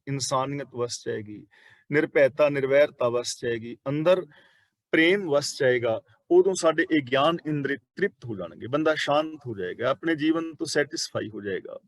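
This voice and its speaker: A man with a Punjabi accent giving a line-by-line commentary on Sikh scripture, repeating each verse and slowing down to explain it. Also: mid-range voice, no room sound.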